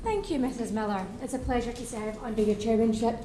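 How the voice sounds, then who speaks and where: A woman with a Scottish accent giving a formal parliamentary speech as a member of parliament, brisk and earnest. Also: on the high side, warm tone, echoey room, slight background noise, low-quality recording. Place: parliamentary debating chamber.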